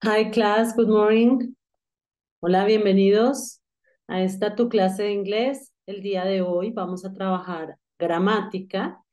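A woman's voice: medium pitch, fairly even intonation, takes it slowly, a little mellow. A woman teaching an English grammar lesson, explaining patiently and asking the student questions as she goes. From Colombia.

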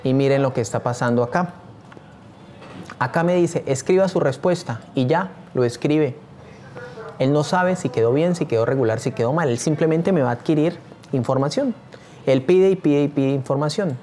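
A man's voice: mid-range voice, moderate pace, warm tone, slight background noise. A man teaching a screen-share tutorial, talking eagerly and straight to his viewers. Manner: enthusiastic, addresses viewers directly.

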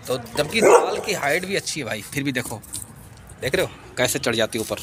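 A man's voice: mid-range voice, expressive, fairly quick, very noisy. Playful man teasing his dogs outdoors. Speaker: vlogger. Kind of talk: casual pet vlog. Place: rooftop, outdoors.

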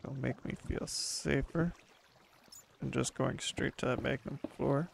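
Slow gravelly man muttering over gameplay. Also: medium pitch, steady tone, slight background noise. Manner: mumbling to himself, humming and making sound effects while playing. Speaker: gaming channel host. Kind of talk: relaxed gameplay commentary.

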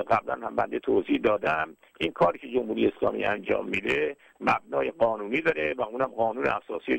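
A man giving formal, lecture-style political commentary, speaking in a measured way with frequent hesitations. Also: mid-range voice, vocal fry, slightly rough, dry recording, muffled recording.

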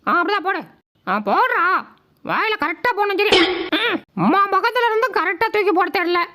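A woman's voice: extremely high pitch, animated, fairly quick, music in the background. A woman dubbing funny inner thoughts of pets in a playful, teasing, chatty way. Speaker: comedy pet video narrator. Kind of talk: comic mind-voice dubbing of pets.

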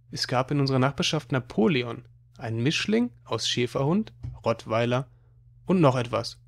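A man reading a children's money book aloud as audiobook narration, in an even storytelling manner. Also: mid-range voice. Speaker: audiobook reader.

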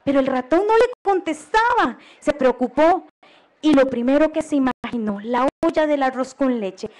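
A woman's voice: high-pitched, moderate pace, darkish tone. A woman with a Costa Rican accent telling a folk tale to children, often stopping to ask them questions and invite them to join in. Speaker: storyteller. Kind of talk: oral storytelling for children. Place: radio program.

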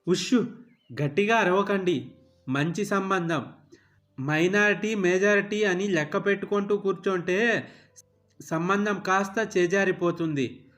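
A man voicing a sharp-tongued middle-aged mother who scolds her son and dotes on her daughter-in-law. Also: sits high, a little slow, long pauses, faint music behind. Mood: scolding. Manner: scolding, name-calling.

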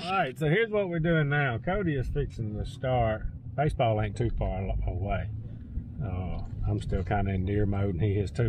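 A man, chatting casually to camera in a farm vlog in an easygoing country drawl, recorded outdoors and in a truck on an action camera. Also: darkish tone. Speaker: vlogger. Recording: noisy with engine rumble.

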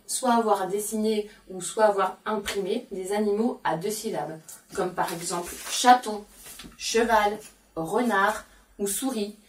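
A woman's voice: medium pitch, darkish tone, recorded from a distance. A woman educator explains a syllable game to parents and plays it patiently with a young child, praising often. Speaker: educator presenting a learning game.

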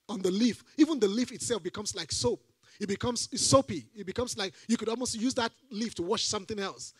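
Speaking into a handheld microphone on a church stage, this middle-aged Nigerian preacher has a high-pitched male voice with a breathy edge. His sermon is animated, climbing into forceful repeated lines. The audio is close-miked and dry, with barely any echo.

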